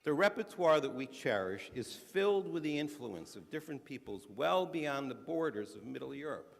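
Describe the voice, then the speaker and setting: A man giving a measured, earnest speech at a conference, stressing his points, now and then restarting a phrase. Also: mid-range voice, animated, vocal fry. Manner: earnest, measured, emphatic delivery with occasional restarts. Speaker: conference speaker. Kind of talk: prepared speech to an audience. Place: conference hall. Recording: large hall with long reverb.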